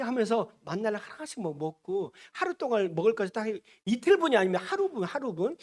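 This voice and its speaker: A male pastor preaching a sermon, animated and often asking the congregation questions. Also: sits high.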